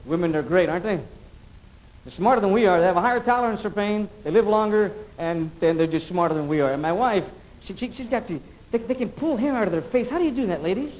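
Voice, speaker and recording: A man's voice: sits high, expressive, fast talker. A man performing a stand-up comedy set, rambling and loose, acting out little sound effects and voices. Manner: rambling, loose delivery, mimics sounds and people. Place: comedy club stage. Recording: lo-fi VHS tape recording.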